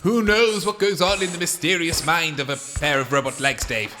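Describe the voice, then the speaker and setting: A man's voice: fairly high pitch, moderate pace. A British man performing a comic radio play with a blustering, laughing manner, music under his voice. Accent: British English. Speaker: comedy radio drama performer.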